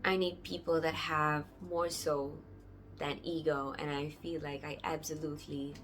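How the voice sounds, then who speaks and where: A young woman from Sri Lanka talks casually to camera about her music, sounding warm and grateful. Her voice is bright and sits a little low for a woman. Soft music plays faintly underneath. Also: flat delivery, a little slow. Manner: warm, grateful, often laughing softly. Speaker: singer-songwriter.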